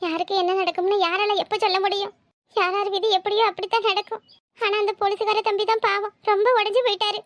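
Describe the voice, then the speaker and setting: A woman's voice: extremely high pitch, little pitch movement, quick pace, no room sound, studio quality. A woman doing a fussy old village mother-in-law. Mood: worried. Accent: Tirunelveli Tamil. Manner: scolding, fretful village talk. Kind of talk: cartoon voice acting.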